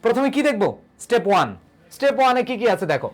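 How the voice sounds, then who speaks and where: High-voiced man teaching grammar. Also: very animated, fast talker. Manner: repeats questions and answers them himself; reads out and answers viewer comments. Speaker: online English tutor. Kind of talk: live-streamed grammar lesson.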